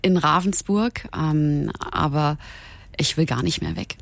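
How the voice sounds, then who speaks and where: A woman in her forties, a therapist, talking frankly and brightly as a radio interview guest. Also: low voice, a little slow, gravelly. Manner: frank, upbeat, direct. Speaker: sex therapist.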